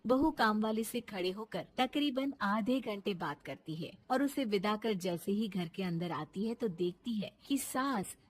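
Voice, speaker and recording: A woman narrating a cartoon story in a dramatic, expressive scripted style. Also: mid-range voice, a little slow, few pauses, a little hiss or hum.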